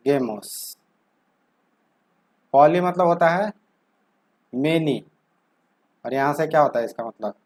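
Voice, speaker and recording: A young man teaching vocabulary in a lesson, asking questions and answering them himself and drawing words out as he says them. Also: on the high side. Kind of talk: explanatory lesson with questions to the viewer.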